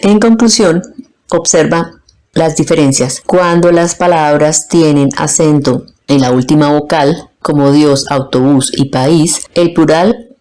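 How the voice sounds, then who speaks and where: A woman from Colombia, teaching a grammar lesson and slowly breaking words into their parts. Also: sits low, mellow. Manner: slow, deliberate, splits words into their parts. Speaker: Spanish teacher.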